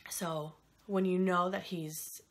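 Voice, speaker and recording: A young woman hosting a podcast, telling a personal story in a candid, animated way with frequent swearing and quick asides. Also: on the low side. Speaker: podcast host.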